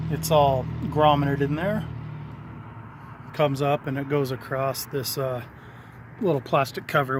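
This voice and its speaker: A hobbyist presenter shows off his radio installation in a casual, unscripted, hands-on walkthrough, explaining things matter-of-factly. His voice is mid-range, and the background is noisy.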